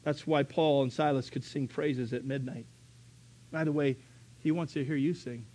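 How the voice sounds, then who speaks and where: A middle-aged male pastor preaching a sermon, telling stories in an animated way and bursting into shouts. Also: medium pitch, moderate pace.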